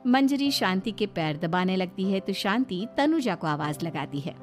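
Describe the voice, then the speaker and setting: A woman narrating a family cartoon story in a steady, expressive storybook style. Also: medium pitch, normal speed, soft background music.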